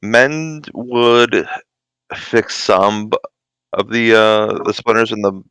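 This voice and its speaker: A man running a tabletop game as game master, explaining rules in relaxed, halting phrases. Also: fairly low pitch, clear, resonant tone, dry recording, poor audio.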